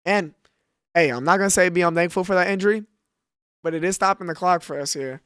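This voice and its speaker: A man's voice: high voice, fairly quick, fairly bright tone, smooth, no echo, clean studio sound. A young man giving casual, profane, self-mocking play-by-play commentary on a football video game, with sudden outbursts. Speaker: gaming commentator.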